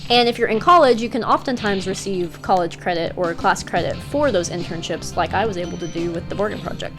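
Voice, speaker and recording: A woman's voice: lowish voice, brisk, over music. A woman with an Eastern Kentucky accent gives casual advice in a conversational, encouraging way, as in a vlog. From Eastern Kentucky, United States. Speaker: freelance writer giving career tips.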